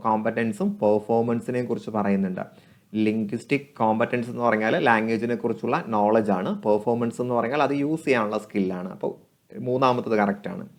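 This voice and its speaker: A male coaching teacher works through exam questions in a measured, patient way. He reads each English question slowly, then explains it plainly, repeating the answer with a friendly tag. His voice sits close to the mic as a voice-over. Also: lowish voice. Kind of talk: exam question walkthrough lesson.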